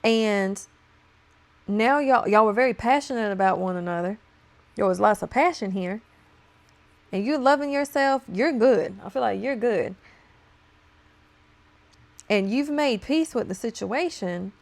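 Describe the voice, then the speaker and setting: A woman reads tarot cards for her viewers in a loose, chatty way, playful and quick to laugh. Her voice sits a little high with a gravelly fry running through it. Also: lively intonation. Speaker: tarot reader. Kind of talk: casual tarot card reading to viewers.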